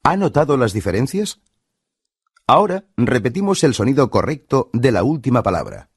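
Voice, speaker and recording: Course narrator, man, Spain Spanish accent, measured teaching read, slightly husky, close and dry. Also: medium pitch, sing-song, no room sound. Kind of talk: scripted instructional narration.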